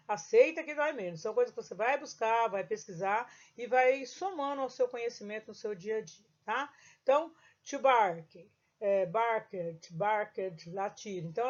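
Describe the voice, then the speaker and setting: A woman who speaks Portuguese natively, teaching English grammar in a recorded lesson. She explains patiently, reads the English example sentences slowly and keeps checking that the listener is following. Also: on the high side, darkish tone. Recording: dull lo-fi recording.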